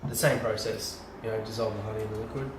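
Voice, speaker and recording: Speaking quickly in a steady, lowish voice, the home brewer talks his way through a casual how-to, full of ums and false starts. A distant camera mic captures him in a roomy space with noisy background.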